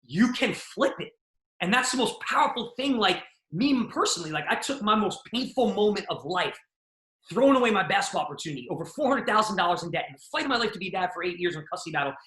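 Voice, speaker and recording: Earnest male host, bright and sharp voice, roomy echo, motivational emphasis. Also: high voice, lively intonation, quick pace. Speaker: podcast host. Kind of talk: interview, motivational commentary.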